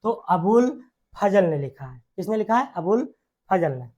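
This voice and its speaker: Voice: mid-range voice, sing-song, unhurried, warm tone, dull audio. Teacher quizzing repetitively. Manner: repeats key words, quizzes with "है ना" tags. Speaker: exam-prep teacher. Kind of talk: classroom-style exam lesson.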